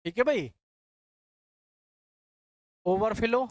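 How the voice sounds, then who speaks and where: This high-voiced teacher draws out his words in a dry recording as he lectures on English vocabulary. Each word gets repeated, then he quizzes the class in call-and-answer fashion, using "beta" and "bachche" for his students.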